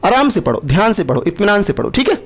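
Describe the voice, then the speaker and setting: A man's voice: high voice, very animated, fast, gravelly, breathy edge. A man teaching a live online maths class, patient and coaxing, repeating each step and checking that his students follow. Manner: addresses students as kids, coaxing.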